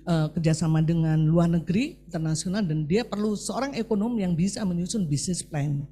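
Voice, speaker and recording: A man's voice: fairly high pitch, husky. A middle-aged male preacher giving a sermon, talking animatedly and often turning to the congregation with questions. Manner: animated, keeps addressing the congregation as "saudara".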